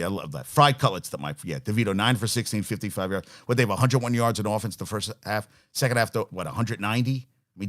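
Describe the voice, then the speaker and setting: A man's voice: lowish voice, fairly bright tone. A man hosting a sports talk show, ranting bluntly and profanely with opinionated swings. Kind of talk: casual opinionated sports rant.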